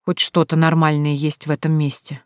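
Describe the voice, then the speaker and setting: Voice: mid-range voice, flat delivery, normal speed, clean tone, no echo, clean studio sound, natural voice. A reader voicing a tired, complaining young woman who speaks in weary sighs.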